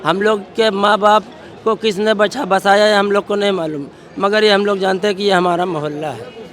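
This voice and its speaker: A man's voice: high voice, fairly even intonation, normal speed, fairly bright tone. A man who lives in the area, pleading with a reporter outdoors, repeating himself and calling him sir. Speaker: local resident interviewed. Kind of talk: street interview. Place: outdoors in a crowd. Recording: crowd noise outdoors. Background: crowd chatter.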